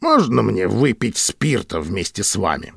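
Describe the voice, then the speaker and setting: A cheerful, courteous alien in an audiobook, polite and dignified, his voice swinging widely between high and low, as a male reader puts him on. Dry, close recording. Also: sing-song, a little slow, gravelly, husky, dry recording, full character voice.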